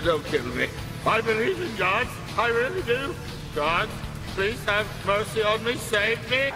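A man's voice: high voice, big pitch swings, a little slow, exaggerated voice. A man voicing a terrified coward begging for mercy in an anime dub. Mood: pleading terror. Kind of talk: anime English dub acting. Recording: reverberant film clip under loud music.

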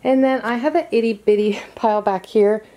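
A woman in her thirties chatting casually from her bedroom while folding laundry, relaxed and explaining as she works, recorded by a camera across the room. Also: a little high, brisk, low-quality recording. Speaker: vlogger and mother. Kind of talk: casual chat while cleaning. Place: home bedroom, indoors. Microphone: camera on a tripod across the room.

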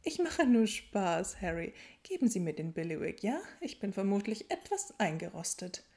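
A woman voicing a stern elderly headmistress with dry humor, speaking crisply and strictly. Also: mid-range voice, big pitch swings, normal speed, darkish tone. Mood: stern, teasing.

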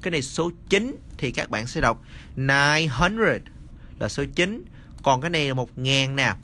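A man teaching English number words in a casual spoken lesson, slowly repeating each word and checking that the viewers follow. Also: mid-range voice, very animated, sharp tone, a little hiss or hum. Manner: slow, repeats words, addresses viewers as friends.

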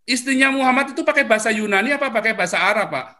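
Bright-voiced man pressing questions. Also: very high voice, very fast. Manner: persistent questioning, polite address. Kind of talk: heated debate.

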